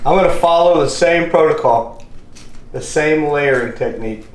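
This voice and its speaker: A man's voice: a little high, normal speed, slight background noise. A young man hosting a fishing channel, chatting upbeat as he tastes food and laughs. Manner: upbeat, laughing, drawling y'all. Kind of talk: casual cooking and tasting chat. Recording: echoey room.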